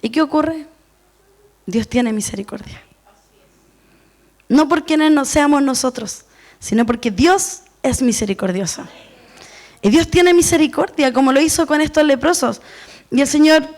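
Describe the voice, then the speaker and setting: High-voiced woman preaching. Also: a little slow, long pauses. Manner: earnest, personal, includes herself with the listeners. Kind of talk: sermon.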